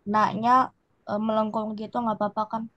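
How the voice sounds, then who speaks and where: A woman's voice: mid-range voice, level tone, moderate pace, fairly bright tone, no room sound. A female pupil with an Indonesian accent, answering the teacher in an online class. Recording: dull lo-fi online call.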